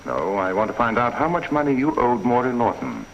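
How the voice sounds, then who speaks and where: An actor playing a calm, dry-witted police inspector who speaks tersely in a vintage radio drama. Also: male voice, medium pitch, brisk, a little hiss or hum. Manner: cool, terse, wry. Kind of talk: 1950s radio drama acting. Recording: dull lo-fi vintage radio recording.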